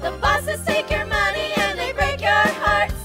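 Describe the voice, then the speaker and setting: A woman's voice: very high voice, over loud music. Teenage girls singing as a sassy street girl group in a school musical. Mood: belting. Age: teens. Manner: belting, slow. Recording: live stage with loud band.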